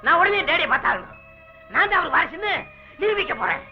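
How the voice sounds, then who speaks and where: A man's voice: very high voice, expressive, quick pace, soft background music. A young actor playing a determined young man who pleads earnestly to be blessed before leaving. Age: young adult. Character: determined young man set to claim inheritance. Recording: dull lo-fi film audio.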